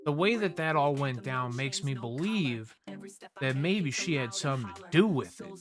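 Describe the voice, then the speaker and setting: A man's voice: medium pitch, animated, normal speed. A man hosting a livestream, telling a rambling story casually, swearing freely and talking to viewers by name. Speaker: livestream host.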